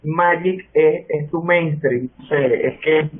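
A man chatting casually on a podcast, giving his relaxed, opinionated take. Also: fairly high pitch, slow pace. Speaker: podcast co-host. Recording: tinny online call audio.

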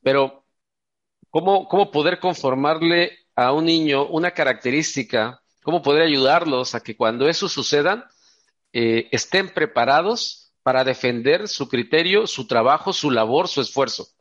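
A middle-aged man interviewing a guest, asking a long question with pauses and restarted phrases. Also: a little high, a bit bright, lo-fi sound. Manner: halting, restarts his phrasing.

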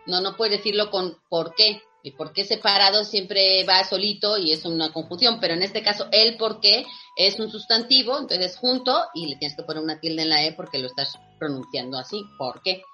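A woman's voice: medium pitch, normal speed, hardly any pauses, sharp tone, lo-fi sound, faint music behind. A woman, hosting a quiz and explaining spelling patiently with many fillers. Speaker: host leading a spelling quiz. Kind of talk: teasing quiz-style explanation.

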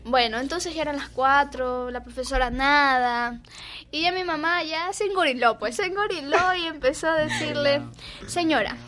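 A young woman tells a school anecdote in a high-pitched voice. Her delivery is lively and animated, like a casual chat among friends. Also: moderate pace. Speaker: storyteller.

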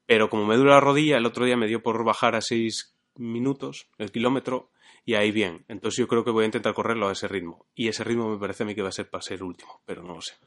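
A man's voice: on the low side, steady tone, fast, a bit bright. A man with a Castilian accent from Spain, chatting casually as a podcast host in colloquial, sweary speech. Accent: Castilian Spanish, from Spain. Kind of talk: casual chat.

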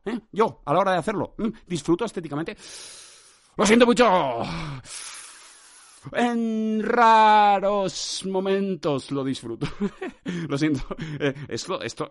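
A man hosting his own podcast, standing as he records a rambling, self-mocking improvised monologue full of theatrical outbursts, shouted nonsense sounds and sudden swings in loudness. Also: a little high. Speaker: podcast host.

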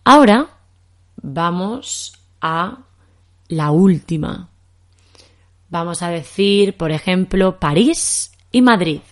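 A woman's voice: fairly low pitch, lively intonation, takes it slowly, pauses often. A young woman from Spain with a Castilian accent, teaching Spanish in a podcast lesson and explaining patiently with examples.

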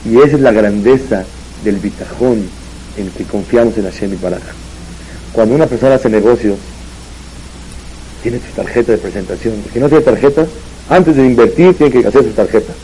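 A man giving a religious lecture as a rabbi, telling anecdotes and growing louder on his emphatic points. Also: medium pitch, normal speed, a little hiss or hum, poor audio. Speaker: rabbi giving a Torah talk.

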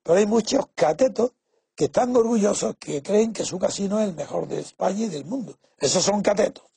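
A man giving a reflective spoken essay, measured and explanatory, often pausing with hesitant fillers and restarting his sentences. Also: high-pitched, expressive, creaky, warm tone, breathy edge, no echo. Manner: opinionated, explanatory tone.

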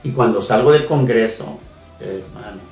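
His voice sits on the low side with a darkish tone and a moderate pace. He is a guest on a radio talk show, earnestly recounting his faith in an emotional testimony with hesitations and repeated phrases. Faint music plays in an echoey room, and he is heard from a distance.

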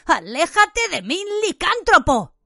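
A woman's voice: high-pitched, wildly swooping pitch, normal speed, husky, dry recording, studio quality, voice pushed up, full character voice. A woman reading an audiobook, voicing an injured, scared teenage boy who lashes out in choked, hostile outbursts.

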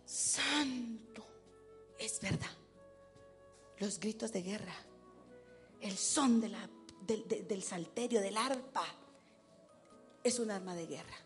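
A woman preaching to her congregation in an animated way, breaking into war cries and sounding out drum beats. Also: medium pitch, takes it slowly, pauses often, soft background music. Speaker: preacher teaching tambourine and worship dance. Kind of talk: lively sermon to a congregation.

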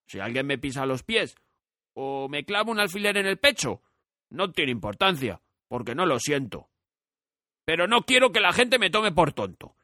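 Storybook scarecrow, raspy and earnest, slow and lively in pitch, read by a man. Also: dry recording, clean studio sound. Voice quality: hoarse, raspy. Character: raspy friendly male scarecrow of straw. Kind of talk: audiobook character voice.

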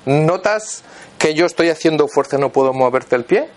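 A man walks a volunteer through a demonstration in front of an audience. His voice sits high and swings up and down. He keeps checking in with short questions as he gives each instruction. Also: expressive, normal speed. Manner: instructive, checks in constantly with "vale". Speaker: therapist leading a live demonstration.

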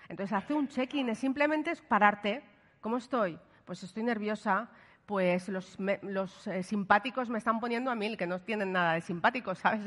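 Woman speaking in a reverberant hall. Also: medium pitch. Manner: lively, asks the audience questions, frequent "¿vale?". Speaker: speaker giving a workshop talk. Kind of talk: live talk to an audience.

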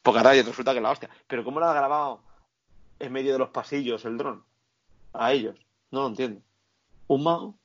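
A man retells a film plot in animated, foul-mouthed casual chat, checking in with the listener every few lines. His voice sits in an ordinary middle range. The recording is slightly dull and lo-fi. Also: mid-range voice, a little fast, long pauses. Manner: animated, profane, tags lines with "¿vale?".

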